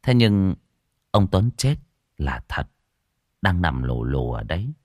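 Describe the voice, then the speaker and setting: A man's voice: deep voice, takes it slowly, dry recording, clean studio sound. A man narrating a horror story as an audiobook reader. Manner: expressive storytelling.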